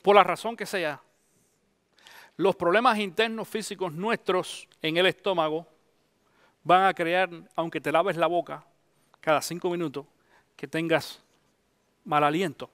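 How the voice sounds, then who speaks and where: Man, middle-aged pastor, high voice, conversational sermon, dry close sound. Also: fairly even intonation, a little slow, long pauses, a bit bright, clean tone, no echo. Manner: conversational preaching, mixes English phrases into Spanish.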